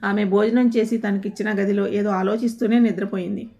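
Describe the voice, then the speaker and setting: A woman storyteller reading a family story aloud in a steady, somber scripted narration. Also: medium pitch, fairly quick. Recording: dull lo-fi audio.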